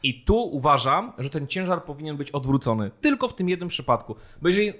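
Male podcast co-host, slightly raised pitch, indignant and emphatic, casual street-level talk. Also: animated, brisk, fairly bright tone. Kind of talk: heated casual podcast discussion.

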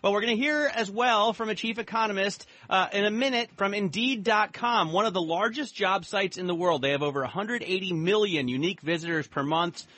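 A man's voice: sits high, fairly quick, few pauses, bright, forceful tone, no echo. A man co-hosting a radio show, introducing segments in a conversational style.

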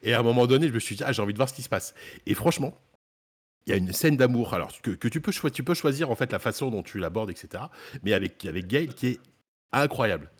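A man co-hosting a podcast, chatting casually about a video game and telling a rambling, animated story with lots of repeated words. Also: medium pitch, quick pace, husky. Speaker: podcast co-host. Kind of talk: casual gaming chat.

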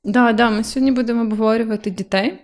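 A woman's voice: on the high side, steady tone, very fast, a little mellow. A young woman with a Ukrainian accent co-hosting a casual podcast, teasing and laughing, with hesitant fillers. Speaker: podcast co-host. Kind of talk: casual chat.

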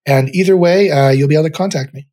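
A man's voice: fairly high pitch, fast, dark tone. A man in his forties, a podcast guest, guiding listeners through a meditation exercise in a rambling, repetitive way as he searches for words.

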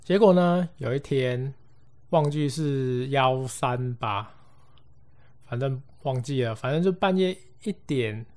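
A man's voice: mid-range voice, slow pace, darkish tone. A man with a Taiwanese Mandarin accent hosting a podcast, telling a ghost story casually and acting out the voices of the people in it. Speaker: podcast host.

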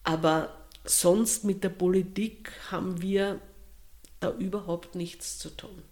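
Austrian lady in an interview, low-ish voice, takes her time, pauses a lot. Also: fairly even intonation, a little mellow. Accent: Austrian German. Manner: slow, thoughtful, with pauses and restarts. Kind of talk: interview answers.

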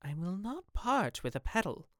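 A man voices an aristocratic young duchess, pitched above his natural voice, with big pitch swings at a moderate pace. Her manner is arch, teasing, wistful and coy, captured in a dry, clean studio recording.

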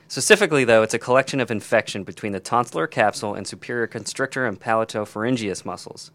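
A man's voice: lowish voice, a bit bright. A man co-hosting a scripted emergency medicine teaching podcast, explaining procedures in detail, step by step.

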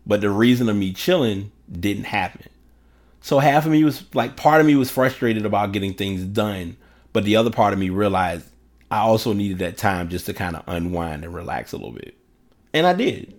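A man with a fairly low voice hosts a solo podcast into a desktop microphone. He talks casually and loosely, doubling back and correcting himself as he goes. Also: expressive, normal speed. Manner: conversational, rambling with restarts and self-corrections. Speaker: podcast host. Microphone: desktop USB microphone.

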